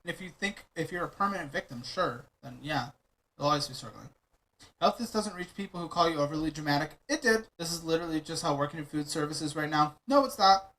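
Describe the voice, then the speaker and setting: A man's voice: a little high, quick pace, pushed and bright, low-quality recording. A man reacting to a viral video in casual, blunt commentary, sarcastic and swearing freely.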